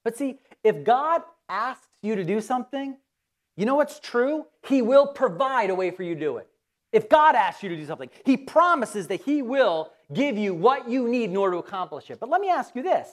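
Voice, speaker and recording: Woman, pastor, sermon, conversational, questions to the audience, animated pitch. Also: normal speed. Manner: acts out quoted voices.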